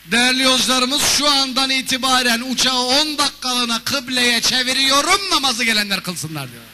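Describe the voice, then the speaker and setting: A man's voice: extremely high pitch, normal speed, sharp tone, slight background noise, voice pushed up, full character voice. A man voicing a pious male airline pilot making solemn intercom announcements. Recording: long reverb of a stage hall.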